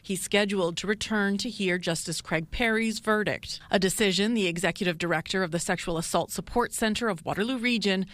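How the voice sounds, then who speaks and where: A woman's voice: medium pitch, fairly bright tone, no room sound. Woman reporting the news. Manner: measured, formal delivery.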